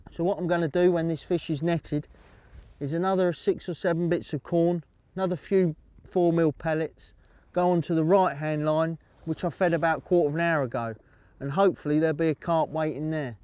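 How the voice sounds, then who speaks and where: A middle-aged man calmly explaining his fishing method outdoors at a lakeside, speaking steadily into a lapel mic. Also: fairly high pitch, no room sound. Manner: calm, steady, explaining as he fishes. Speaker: angling coach.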